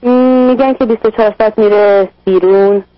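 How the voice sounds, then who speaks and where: A woman's voice: medium pitch, fairly even intonation, no room sound, lo-fi sound. A young woman calling in to a radio advice show, speaking hesitantly with filler sounds. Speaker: caller.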